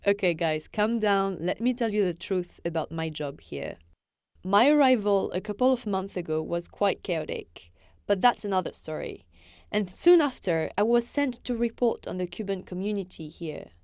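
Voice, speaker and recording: A woman's voice: medium pitch, lively intonation, normal speed, a little mellow, dry recording, studio quality. A young French woman reporter speaking English with a thick French accent, reading a wry, self-mocking first-person radio essay. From France.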